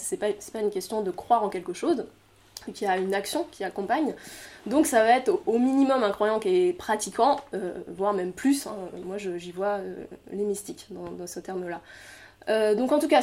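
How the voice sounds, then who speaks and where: A woman lecturing to a class, working through each point out loud. She hesitates often, fills pauses and restarts her sentences, and her voice sits at an ordinary middle pitch for a woman. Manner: thinking aloud with many fillers and restarts; explanatory, laughs lightly at own remarks. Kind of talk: lecture on Quranic mysticism.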